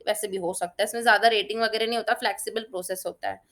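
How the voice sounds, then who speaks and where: An exam-prep tutor with a mid-range, steady, fairly bright voice races through a casual spoken lesson. She's chatty, leans on everyday examples, and keeps asking "theek hai?" to make sure her students are following.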